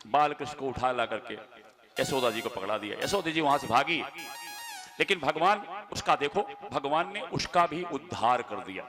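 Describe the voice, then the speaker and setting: Older male Bhagavat storyteller from India, measured devotional sermon delivery, music underneath. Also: fairly high pitch. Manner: slow, measured, reverent narration.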